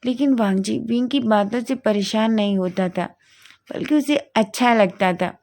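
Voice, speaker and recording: A woman's voice: on the high side, moderate pace, a little mellow. A woman narrates a fan story in an everyday voice, retelling events plainly. She often backs up and corrects herself partway through a sentence.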